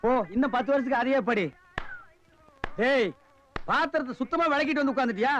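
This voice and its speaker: A man playing a sharp-tongued loudmouth who scolds and mocks beggars in a Tamil film comedy scene. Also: very high-pitched, fairly quick, slight background noise. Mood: mocking. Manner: scolding, mocking and insulting.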